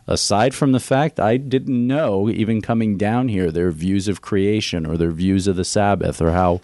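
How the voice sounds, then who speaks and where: A man's voice: on the low side, steady tone, normal speed, warm tone, no room sound. A man graduating from seminary, answering interview questions in an earnest, plain, explanatory way.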